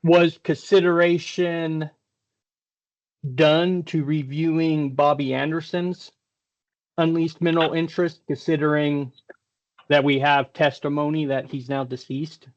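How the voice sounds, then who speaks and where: A man questioning a witness as technical examiner at a hearing, heard over a video call, careful and hesitant, with many pauses. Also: fairly high pitch, flat delivery, highs cut off.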